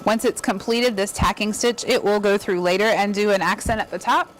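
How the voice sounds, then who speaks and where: An embroidery instructor chats brightly through a casual demonstration, cheering viewers on as she stitches. Her mid-range voice keeps a steady tone and a brisk pace, with background noise present.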